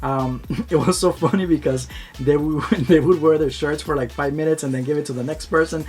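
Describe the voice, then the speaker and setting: Easygoing chatty man, slightly high voice. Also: steady tone, brisk, a little mellow, faint music behind. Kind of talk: casual chat.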